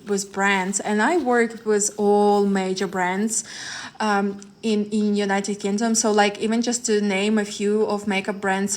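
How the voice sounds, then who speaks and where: A chatty Ukrainian tarot reader with a mid-range voice talks with viewers on a live stream. She rambles and laughs often, her speech full of fillers and restarts.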